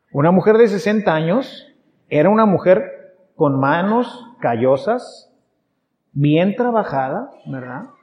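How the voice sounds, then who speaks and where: Man preaching, mexican accent, high voice, chatty sermon, long hall echo, dull lo-fi sound. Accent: Mexican Spanish. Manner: conversational, acts out little quoted scenes.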